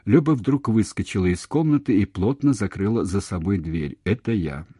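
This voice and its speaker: A man reading literary prose aloud in a quiet, measured, expressive way. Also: lowish voice, husky, no room sound, studio quality. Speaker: audiobook reader. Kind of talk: literary narration.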